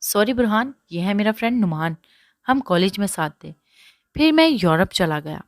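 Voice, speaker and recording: A woman voicing a cheerful young man who speaks in friendly, lively greetings in an audiobook reading. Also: medium pitch, no room sound, clean studio sound, close to an everyday voice.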